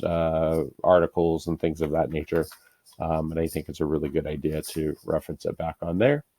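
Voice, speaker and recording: A real estate broker with an American accent gives a casual screen-share tutorial, stepping through the software on screen in an informal, instructional way. His voice is low-pitched with a dark tone.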